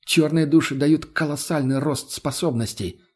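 A man reading an audiobook and voicing a smug, threatening young male villain with a mocking, menacing manner and a husky voice. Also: fairly high pitch, normal speed.

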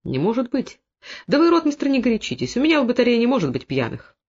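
A man voicing a shrewd older army colonel who speaks calmly and commandingly with a dry mocking edge. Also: extremely high pitch, fast talker, breathy edge, highs cut off, heavily acted. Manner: calm, commanding, mildly mocking.

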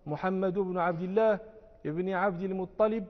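A man with a high voice explains a classical text to his students, slowing down and repeating words to show their forms. The recording is dull and muffled. His voice rings on through the long reverb of a large hall. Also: steady tone. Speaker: religious teacher.

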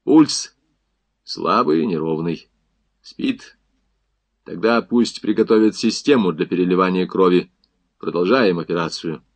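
Guy reading a wiped-out grumpy army surgeon in an audiobook, low voice, mutters short and sharp. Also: lively intonation, a little slow, long pauses, full character voice. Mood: tired. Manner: curt, grumbling. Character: exhausted male army field surgeon, gruff.

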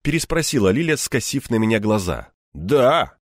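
A male narrator tells a first-person audiobook story in a wry, conversational way. His voice sits low yet moves with a lively, varied melody. The recording is dry and close to the mic. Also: moderate pace, no room sound.

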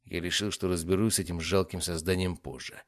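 A man narrating a fantasy story in a calm, even storytelling manner. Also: low voice, fairly quick, dry recording, clean studio sound. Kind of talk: audiobook narration.

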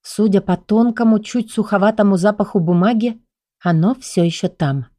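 A woman narrating a first-person audiobook in a lively, playful storytelling manner. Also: medium pitch, normal speed, dry recording, clean studio sound.

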